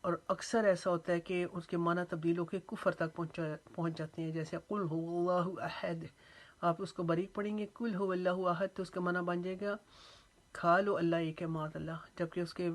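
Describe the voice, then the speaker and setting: A woman teaching Quran recitation rules, slowly drawing out recited phrases and then explaining each rule patiently. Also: fairly low pitch, steady tone. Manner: breaks words into syllables and draws out recited phrases slowly. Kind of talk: tajweed lesson with slow recitation.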